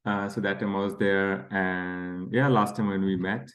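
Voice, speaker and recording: Author guest: man, deep-ish voice, relaxed conversational talk with many fillers. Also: a little slow. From Bangladesh. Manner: friendly, chatty, laughs between phrases, many fillers. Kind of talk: casual interview chat.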